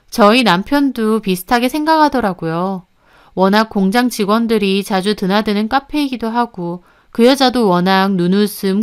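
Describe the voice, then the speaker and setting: A woman narrating a first-person family drama story in a steady, scripted reading voice. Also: medium pitch, smooth.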